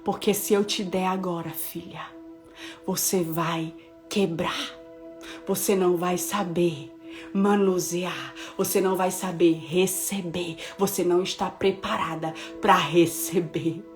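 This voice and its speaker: A woman playing God in a retold conversation, speaking softly, slowly and gravely, like a parent to a child. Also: lowish voice, fairly even intonation, faint music behind, voice pushed down. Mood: tender, grave. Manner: soft, slow and hushed. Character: God speaking gently to a daughter.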